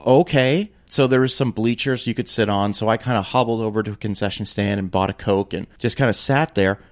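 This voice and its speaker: A man telling a story in casual chat, animated and swearing freely, his pitch jumping when he gets worked up. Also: fast talker.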